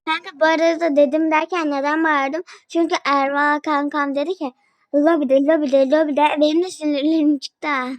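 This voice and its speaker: Speaking fairly quickly in a high, flat voice, a gaming video creator chats away to her audience and a friend while playing a phone game. She's young, and the audio is dry and poor.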